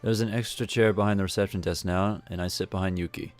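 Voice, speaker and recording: A man's voice: deep voice, fairly even intonation, fast, soft background music. A man casually reading an interactive story aloud, adding wry comments of his own. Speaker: storyteller and video creator.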